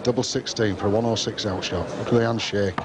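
A man's voice: on the low side, steady tone, fast talker. A man giving live darts commentary in short remarks that follow the play. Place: commentary box at indoor tournament. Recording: loud crowd and venue noise.

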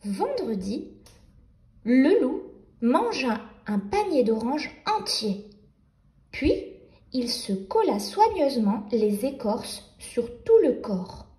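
Slow, high-voiced woman storyteller. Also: big pitch swings, dark tone, roomy sound. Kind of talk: children's story reading.

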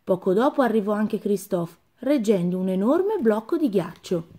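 A woman reading a children's story aloud, her voice mid-pitched and even. She narrates clearly and expressively, like a bedtime storyteller. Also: moderate pace.

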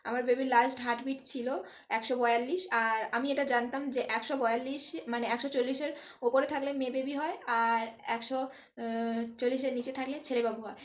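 Chatty high-voiced young woman vlogging. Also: steady tone, quick pace. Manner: chatty, with many fillers and restarts. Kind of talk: casual vlog chat.

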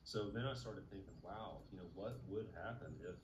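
A man's voice: deep voice, normal speed. A man speaking casually on a community call, hesitant, with many fillers and restarts. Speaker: community member giving an update. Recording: echoey, muffled, noisy call audio.

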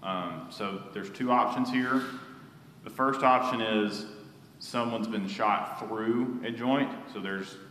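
A man's voice: fairly low pitch, slow pace, a bit bright, a little hiss or hum. A man teaching a hands-on first aid class in a church hall, talking casually with fillers and restarts. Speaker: safety instructor. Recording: echoey hall with long reverb.

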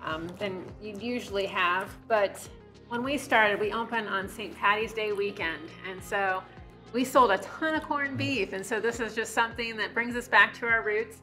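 A woman's voice: mid-range voice, normal speed, pushed and bright, faint music behind, low-quality recording. A woman in her forties, a restaurant owner, talking in a friendly, chatty way during a casual sit-down interview in a restaurant booth. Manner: friendly, chatty, laughs easily. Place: brick-walled restaurant booth, indoors. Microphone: lapel mic.

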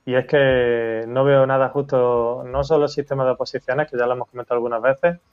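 A man guest in a casual interview, telling a story with lively quoted dialogue and laughter. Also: medium pitch, brisk, smooth, lo-fi sound, faint music behind.

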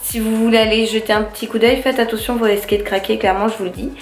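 A chatty young woman in her twenties rambles casually to camera, full of fillers and restarts. Her voice sits a little high. The room around her rings with echo. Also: fairly even intonation, fast. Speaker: vlogger. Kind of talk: casual vlog chat to camera. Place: her home, indoors.

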